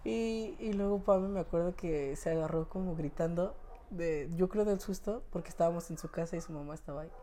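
Man, twenties, Mexican Spanish accent, podcast guest, casual storytelling, laughs often, mellow tone. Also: fairly high pitch, fairly quick, slight background noise. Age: 20s. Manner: laughs often while telling stories.

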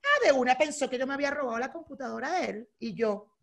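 A young Venezuelan woman chats with her co-host and tells a story with plenty of animation, acting out each person in it. Her voice sits a little high. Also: quick pace, gravelly. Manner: animated storyteller who acts out the people in her anecdotes. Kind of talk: casual chat.

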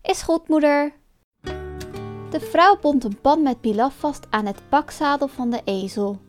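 A woman storyteller reading a folk tale aloud in a calm, expressive way. Her voice is notably high. Soft music plays faintly behind her. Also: normal speed. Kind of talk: scripted folk tale narration.

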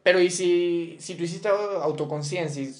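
Venezuelan guy on a podcast, kinda high voice, slangy and jokey, keeps throwing out what-if examples. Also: moderate pace. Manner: slangy, joking, argues by hypothetical examples. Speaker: podcast co-host. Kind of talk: casual chat.

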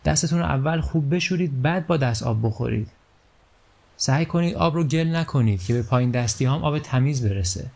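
A man's voice: medium pitch, animated, creaky, darkish tone. A man reading a storybook aloud, voicing a firm but caring village schoolteacher giving orders to his pupils. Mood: instructing. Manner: firm, instructing.

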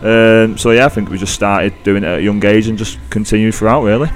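A man with a British accent from the Manchester area, chatting as a podcast guest in a casual, halting way. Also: on the low side, steady tone, faint music behind. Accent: northern English, Greater Manchester. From Greater Manchester, England. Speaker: podcast guest, club runner.

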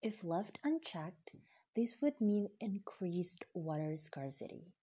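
A woman from Indonesia giving a scripted explainer, reading in a steady, earnest tone with breathy stretches. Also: fairly low pitch, slow. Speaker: presenter.

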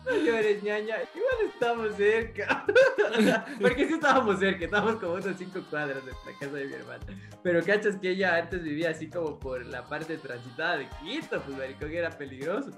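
A man's voice: fairly high pitch, expressive, brisk, a bit bright, echoey room, soft background music. A man with an Ecuadorian accent, hosting a podcast, telling a story in casual chat with a lot of swearing and mouth sound effects. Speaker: podcast host.

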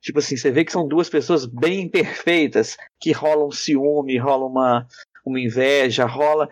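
A man from Brazil co-hosting a podcast in casual chat. He thinks out loud, hesitating and using many fillers. The recording is dry and close. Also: medium pitch, steady tone, moderate pace, dry recording. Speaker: podcast co-host.

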